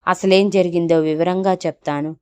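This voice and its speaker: A woman voicing a remorseful young man who pleads softly and soothingly in a storybook audio drama. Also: fairly low pitch, fairly even intonation, normal speed, clean tone, lightly acted.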